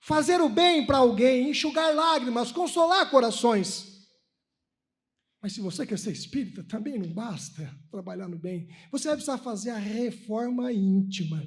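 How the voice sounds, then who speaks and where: Man, Brazilian, thirties, very high-pitched, spiritist lecture, animated storyteller. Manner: animated storytelling, acting out dialogue. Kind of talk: sermon-like talk with personal stories. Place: lecture hall at a religious conference.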